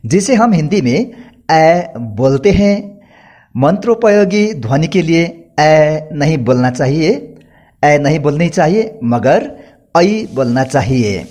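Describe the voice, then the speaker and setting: A man teaching pronunciation for Vedic chanting, explaining sounds step by step and demonstrating each syllable with careful, drawn-out repetition. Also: fairly high pitch, darkish tone. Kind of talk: slow instructional explanation with call-and-repeat drills.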